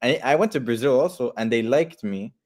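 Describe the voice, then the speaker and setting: Candid young Canadian man, mid-pitched. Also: lively intonation, brisk, darkish tone. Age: 20s. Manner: candid, repeats phrases for emphasis. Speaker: football player guest. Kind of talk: casual interview talk.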